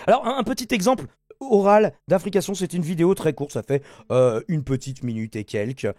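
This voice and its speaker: A man hosting a mocking press-review commentary, sarcastic and animated, reading a text and breaking off into asides. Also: fairly high pitch, fairly quick, no room sound, studio quality. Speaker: political commentary host.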